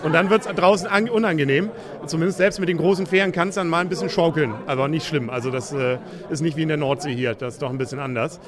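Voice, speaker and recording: A man's voice: a little high, fast talker, hardly any pauses. A man hosting a radio podcast, asking chatty, jokey questions in a street interview. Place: outdoors in a busy city. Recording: crowd noise behind. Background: crowd.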